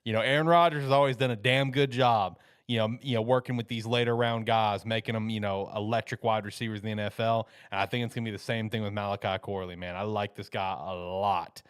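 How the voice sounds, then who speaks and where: A man with a lowish, smooth, clear voice talks excitedly about football draft classes, emphatic and chatty, throwing in "man" as he goes. The sound is close and dry. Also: quick pace, hardly any pauses, dry recording. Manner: enthusiastic, emphatic, says "man" often. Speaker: co-host. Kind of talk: casual sports podcast chat.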